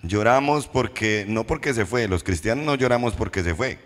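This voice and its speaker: Male pastor, low voice, slow emphatic sermon delivery, rhetorical questions, reverberant church hall. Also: animated. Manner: preaching with rhetorical questions to the congregation.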